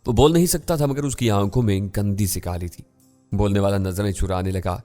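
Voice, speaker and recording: A man narrating a first-person thriller audiobook in a steady, measured way. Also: on the low side. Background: faint music.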